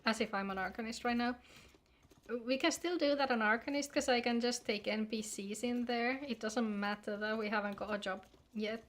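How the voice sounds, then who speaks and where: A woman whose voice sits on the high side talks at a normal speed while streaming an online video game. Casual and playful with her viewers, she swears freely in the relaxed livestream chatter.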